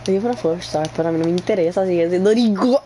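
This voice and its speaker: A woman's voice: on the low side, rapid-fire, noisy background. A woman making a gameplay reaction video, emotional and crying out over and over. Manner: emotional, exclaims and wails repeatedly. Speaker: gaming video creator.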